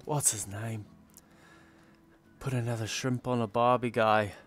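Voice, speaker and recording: This scale-modelling streamer keeps up casual live chat as he works, reading viewer comments aloud, replying, and chuckling a lot. His mid-range voice stays fairly even in intonation and unhurried in pace.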